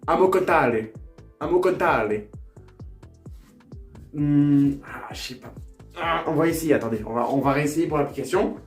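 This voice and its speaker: In an echoey room with faint music playing, a young man records a casual vlog, trying out phrases from a language app. His voice is a little high and unhurried, with frequent pauses, and he plays it for laughs at his own expense, repeating the phrases over and over.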